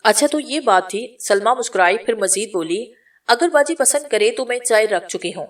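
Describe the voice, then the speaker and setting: A woman's voice: mid-range voice, far from the mic. A woman narrating a novel and reading every character's lines in her own voice. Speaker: storyteller.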